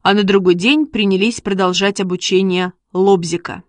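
A woman narrating a children's story in a lively storytelling manner. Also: mid-range voice, moderate pace, no echo. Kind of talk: storybook reading.

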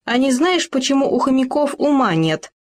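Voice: sits high, very animated, moderate pace, voice pushed up. The storyteller voicing a rude, haughty male woodpecker doctor with curt, snide replies. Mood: mocking. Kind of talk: storybook reading.

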